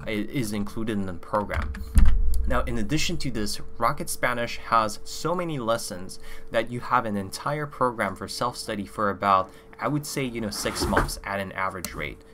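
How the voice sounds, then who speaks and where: Here a young language-learning YouTuber whose first language is French chats through a casual review, addressing the camera via a desk mic in a small room indoors. He talks at normal speed in a rambling, filler-heavy way, leaning on "like" and "you know," his somewhat low voice still bright and forward. There's a faint hum in the background.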